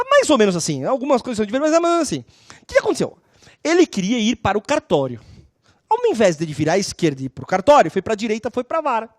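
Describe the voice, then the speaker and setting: A woman lecturing on law, telling lively stories and constantly checking in with her class. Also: mid-range voice, dry recording, studio quality. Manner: animated, acts out scenes.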